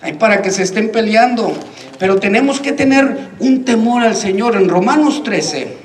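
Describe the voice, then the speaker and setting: A man's voice: high-pitched, moderate pace. A man preaching a sermon as pastor, telling stories with humor and acting out the voices of the people in them. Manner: storytelling, humorous, acts out quoted voices. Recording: echoey hall from far off, congregation heard.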